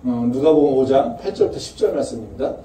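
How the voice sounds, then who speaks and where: A man's voice: mid-range voice, animated, quick pace, dark tone. A male pastor giving a conversational sermon with rhetorical questions, recorded from a distance in a church. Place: campus church sanctuary. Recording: echoey church room from far off, faint noise.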